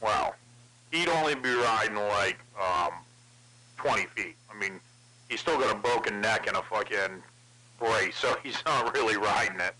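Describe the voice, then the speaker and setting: Heard through a crackly CB channel with clicks, a man with a fairly low, sharp-toned voice rambles at a normal pace in casual conversation, swearing heavily throughout.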